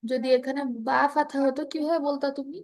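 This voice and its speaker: A woman teaching a children's Quran reading class, explaining slowly and modelling each sound. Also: sits high, steady tone, a little mellow. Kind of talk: online kids class lesson.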